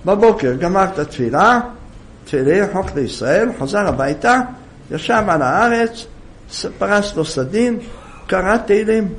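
A man telling a moral story as a sermon, in an animated storytelling manner with a gravelly voice. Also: sits high.

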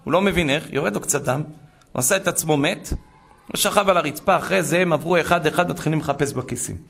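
A male preacher tells a sermon story with mounting emphasis, rising to impassioned shouts at key points. His voice is gravelly and creaky, sitting somewhat high for a man.

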